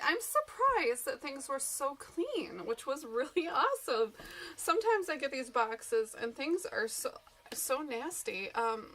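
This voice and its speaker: Chatty woman with a bright voice. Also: fairly high pitch, slight background noise. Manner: chatty, rambling, thinking aloud. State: morning voice. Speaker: eBay reseller vlogger. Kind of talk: casual unboxing chat.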